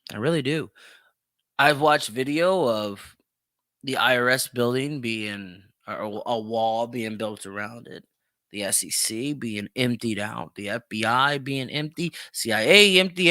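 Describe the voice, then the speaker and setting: A podcast host delivers opinionated solo commentary in a medium-pitched, sharp voice, speaking emphatically, swearing plenty and repeating himself for emphasis. The recording is dry.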